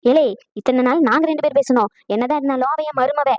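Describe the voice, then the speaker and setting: A woman's voice: high voice, fairly even intonation, dry recording, lightly acted. A woman doing a feisty old mother-in-law. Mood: indignant. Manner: scolding, combative, rapid. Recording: dull lo-fi dry audio.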